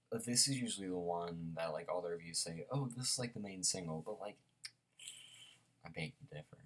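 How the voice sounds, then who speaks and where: Low-voiced young man rambling about music. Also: breathy edge. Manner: rambling, many fillers and restarts. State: sleepy, yawning. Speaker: album reviewer. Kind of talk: casual spoken album review.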